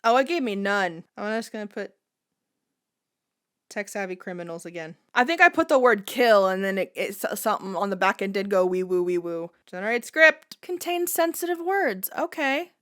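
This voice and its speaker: A young woman video creator giving sardonic, lively comedic commentary while testing an app, often laughing. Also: mid-range voice, normal speed.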